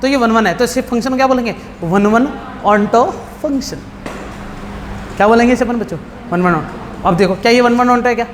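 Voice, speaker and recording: A man's voice: extremely high pitch, moderate pace. A man teaching math, throwing rhetorical questions at his students in a blunt, informal way. His voice has a long reverb behind it and a faint hiss. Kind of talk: classroom lecture. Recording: hall reverb with faint background noise.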